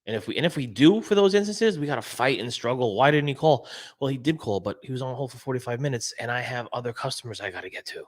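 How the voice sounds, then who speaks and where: A man hosting a casual live-stream talk show, animated and repeating himself as he restarts sentences. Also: medium pitch, fast. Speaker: show host.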